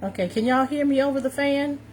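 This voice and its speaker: A woman's voice: high voice, fairly quick, a little mellow, rough recording. Middle-aged American woman, upbeat livestream host, emphatic repeated phrases, casual chat, faint fan noise behind. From New York City, United States. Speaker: live stream host, confidence coach. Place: warm room indoors.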